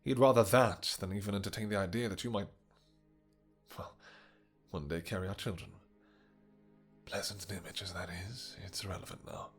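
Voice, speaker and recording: A man playing a possessive, doting vampire king in a romantic fantasy roleplay, speaking in courtly, old-fashioned phrases with hesitant pauses and endearments. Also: fairly low pitch, husky, faint music behind. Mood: menacing, wounded. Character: doting, possessive, vengeful male vampire king with horns and wings.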